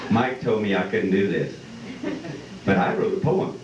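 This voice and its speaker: A man's voice: on the low side, unhurried, a crowd in the background. A man with a cowboy drawl, hosting and reciting folksy comic verse at a live event. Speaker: event host and cowboy poet. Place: live benefit event before an audience. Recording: distant, echoey, muffled live hall with noise.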